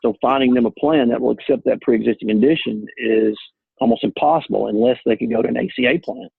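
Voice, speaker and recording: A man with a husky, gravelly voice talks earnestly and plainly as an insurance agent explaining how plans work. His voice comes through a thin, tinny phone line. The sound is dry, with no room around it. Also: medium pitch, fast talker, no echo. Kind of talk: casual explanatory talk on a call.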